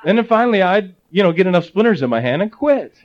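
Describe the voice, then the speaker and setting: A middle-aged pastor from Ohio preaches a sermon full of animated stories and jokey asides, talking fast in a high-sitting voice. The audio is lo-fi and slightly dull.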